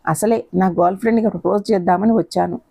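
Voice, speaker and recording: A woman's voice: medium pitch, steady tone, quick pace, vocal fry, dark tone, breathy edge, no room sound. A woman reading the lines of a young man who scolds and then pleads, in a storybook reading. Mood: scolding. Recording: dull lo-fi recording.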